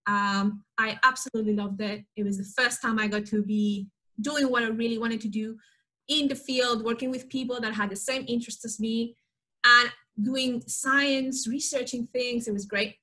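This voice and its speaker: A young woman from Spain speaks with a bright, clear, slightly high voice. She explains eagerly as a guest, with plenty of fillers. She is talking into a video call from a small room at home. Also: fairly even intonation, normal speed. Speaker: biologist guest. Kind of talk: casual video-call interview.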